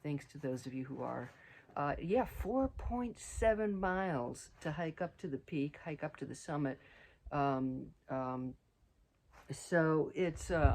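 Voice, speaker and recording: A middle-aged woman with a low, slightly mellow voice vlogs casually outdoors on a mountain trail. It's a casual hiking vlog, and she rambles with many fillers and restarts.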